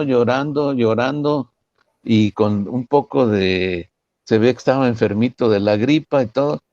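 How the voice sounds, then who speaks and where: Un hombre con acento mexicano que comenta temas religiosos en una charla, contando anécdotas con muchas preguntas retóricas. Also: male voice, mid-range voice, dry recording, muffled recording. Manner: lively, lots of rhetorical "¿no?" and "¿verdad?". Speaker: church member commenting. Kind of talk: religious discussion, storytelling.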